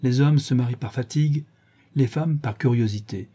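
A cynical aristocratic gentleman drawls witty aphorisms with languid irony, voiced by a male reader. The voice is dark and mellow, with a soft husky grain. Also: medium pitch, moderate pace, lightly acted. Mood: ironic.

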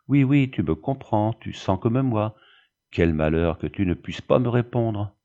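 A man voicing a kind, devout young country pastor who speaks earnestly and gently. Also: on the low side, a little slow, lo-fi sound. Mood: cheerful.

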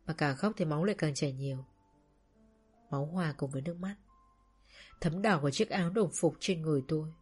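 A woman narrating a sad first-person story in a slow, sorrowful storytelling manner. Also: deep voice, darkish tone, husky, soft background music.

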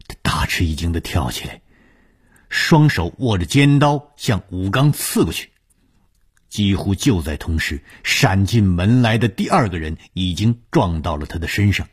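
A man's voice: low-pitched, breathy edge. A man telling a long serialized story in a dramatic reading style, rising on tense moments.

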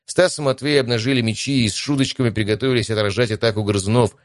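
A man reading an adventure audiobook in calm, even first-person narration. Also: mid-range voice, fast, no echo, clean studio sound.

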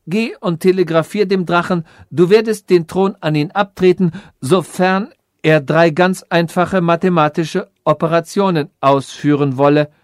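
Storybook: man doing a cunning, pompous female calculating machine, lofty and scheming, slightly raised pitch. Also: steady tone, normal speed, no room sound, studio quality, natural voice. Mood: musing.

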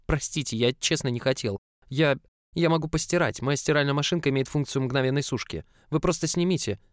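Man putting on a jittery young guy, pitched up, stammering apologies, pleading, dry studio read. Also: fairly quick, dry recording, natural voice. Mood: flustered. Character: flustered, clumsy young man of nineteen. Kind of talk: audiobook character voice.

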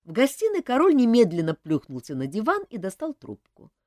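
A woman narrating a story with an expressive, dramatic reading. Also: on the high side, fairly quick, no echo, clean studio sound. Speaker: audiobook narrator. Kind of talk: scripted narration.

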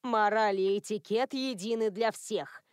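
A woman voicing a prim, controlling elderly woman who is a werewolf grandmother, lecturing in a cold, even tone. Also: mid-range voice, measured pace, no echo, clean studio sound, close to an everyday voice. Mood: stern.

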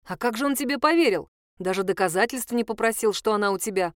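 A woman's voice: mid-range voice, quick pace, fairly bright tone, no room sound, studio quality, lightly acted. A woman reading the lines of a timid, caring young man who speaks earnestly.

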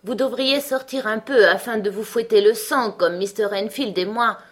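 A woman's voice: on the high side, normal speed, pitched above the performer's own voice, lightly acted. A woman reading the part of a worried but good-humoured male lawyer in an audiobook, coaxing and eager.

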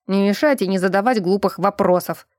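A woman's voice: fairly high pitch, lively intonation, a little slow, a little mellow, no echo. A stern necromancer cuts others off with short, commanding words, as a woman reading an audiobook puts him on. His tone is curt and final. The recording is dry and close. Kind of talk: audiobook character voice.

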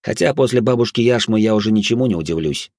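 A man's voice: lowish voice, animated, quick pace, darkish tone, no echo, clean studio sound. Man playing a grumbling distrustful fighter. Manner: grumbling, suspicious.

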